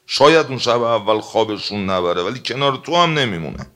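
A man preaching a sermon, telling stories and reciting religious texts in Arabic, moving between loud emphatic passages and hushed ones. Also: mid-range voice, lively intonation. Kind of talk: emotional sermon with storytelling.

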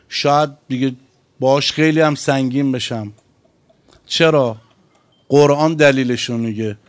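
Higher-voiced male cleric preaching. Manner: rhetorical questions, drawn-out emphatic phrases. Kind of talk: sermon.

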